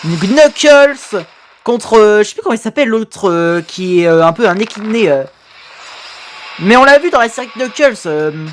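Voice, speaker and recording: A woman talking as an excited anime fan in a casual, sweary reaction commentary, gushing with slangy exclamations. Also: medium pitch, moderate pace, slight background noise. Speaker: reaction video host.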